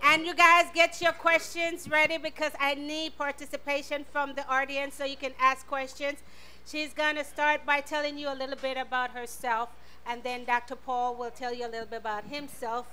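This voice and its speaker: A woman's voice: high voice, level tone, normal speed, sharp tone, slight background noise. A woman hosting a live community radio talk show, thanking sponsors and welcoming guests to an audience.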